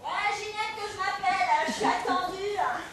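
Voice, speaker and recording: A woman's voice: very high voice, normal speed, recorded from a distance, a crowd in the background. An actress playing a brash, crude, slangy woman in a stage comedy. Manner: slangy, blunt, cheeky. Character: brash crude working-class woman, Ginette. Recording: echoey stage heard from afar, audience noise.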